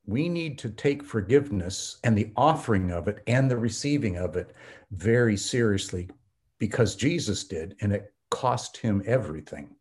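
On a conversational podcast, an American pastor and theology professor lays out ideas in an earnest, teacherly manner, peppered with ums. His voice is on the low side and darkish, animated, at a normal speed.

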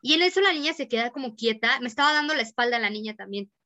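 A young Mexican woman tells a story in casual chat. Her voice is bright and sits a little high, and she acts out every line people said. It sounds like an easygoing talk between friends. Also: very fast. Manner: lively storyteller acting out quoted speech.

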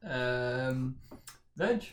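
A man in his twenties from the Czech Republic, co-hosting a casual podcast and giving dry, hesitant, quiet answers. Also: mid-range voice, expressive, drawn-out words, echoey room, a little hiss or hum. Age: 20s. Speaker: podcast co-host. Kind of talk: casual chat. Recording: mic at a distance.

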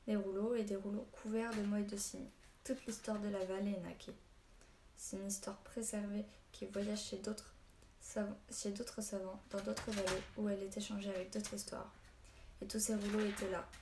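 A woman's voice: medium pitch, level tone, moderate pace, warm tone, close to an everyday voice. A woman reading an audiobook, voicing an old male hermit who is a stern, short-tempered storyteller. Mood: grave. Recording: echoey room, faint hiss.

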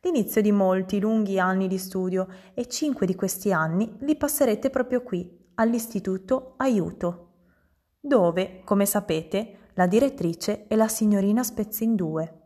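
A woman voicing a kind young female schoolteacher in an audiobook reading, with a bright, encouraging tone. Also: mid-range voice, measured pace, lightly acted. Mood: instructive.

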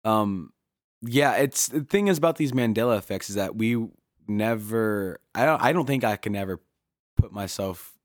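A young man with a low, easy voice, co-hosting a casual podcast chat. He talks in a relaxed way, with plenty of ums and uhs. The sound is close and dry, with no room around it. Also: normal speed, no echo. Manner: relaxed, chatty, with frequent fillers. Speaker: podcast co-host.

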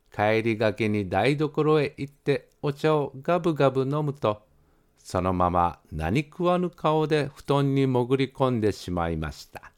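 A man reading a children's story aloud in a gentle, expressive storytelling manner. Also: mid-range voice, clean tone. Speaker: podcast host reading a story.

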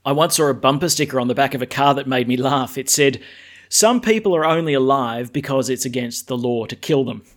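A man speaking as a priest, reading scripture and preaching in a measured, solemn way. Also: mid-range voice. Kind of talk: liturgical reading and homily.

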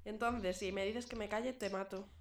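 A woman co-hosting a podcast in casual chat, emotional and intense, talking loudly and swearing. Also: mid-range voice, steady tone, moderate pace. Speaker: podcast co-host. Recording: echoey room.

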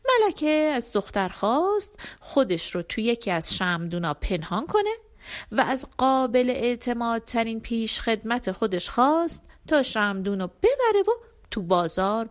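A woman narrates a children's folk tale in a bright, fairly high voice. Her tone swings widely and expressively from line to line. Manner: expressive, animated. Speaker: storyteller.

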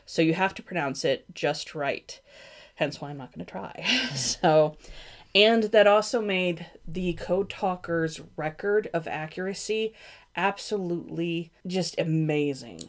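A woman's voice: fairly low pitch, unhurried. A young woman hosting a history podcast, reading from a script with chatty asides and careful apologies when she stumbles on names. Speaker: podcast host.

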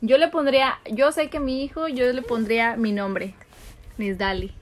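A woman talks casually on a podcast. Her fairly high voice hesitates and trails off as she hunts for words. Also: fairly even intonation, moderate pace, a little hiss or hum. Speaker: podcast co-host. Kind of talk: casual chat.

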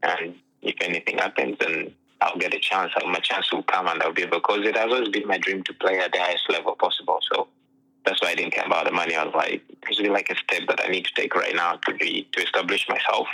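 Over an apparent phone connection, a young professional footballer from Uganda recounts his story in a relaxed, chatty interview peppered with "you know." He speaks fast in a deep, creaky voice.

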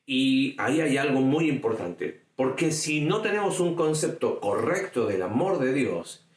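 A man giving an online sermon to young people in a conversational way, asking his listeners questions and acting out quoted voices. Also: echoey room. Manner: conversational, asks the audience questions; acts out quoted voices with a raised pitch. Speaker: youth preacher.

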